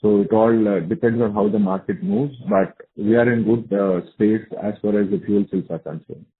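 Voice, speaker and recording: Heard on a thin, tinny conference line, this Indian-accented executive responds to earnings-call questions with assurance, circling back to his key points. He has a fairly low voice and keeps a moderate pace.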